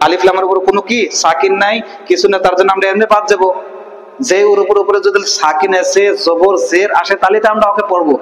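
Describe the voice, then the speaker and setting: A man teaching Quran reading online, spelling syllables slowly and answering his own questions. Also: sits high, fairly even intonation, roomy sound, in a large hall, low-quality recording. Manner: stretches out recited words in a slow chant.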